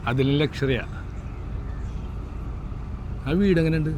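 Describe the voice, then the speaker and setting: A man's voice: fairly high pitch, slow pace, background noise. A man with a Kerala accent giving a casual vlog tour, mixing English words into Malayalam and often prompting his companion with short questions. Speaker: travel vlogger.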